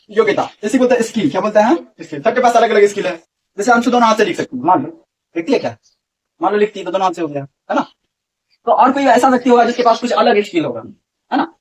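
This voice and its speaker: A man's voice: sits high, distant mic. A man teaching a grammar lesson to a class, often asking questions and repeating the answers.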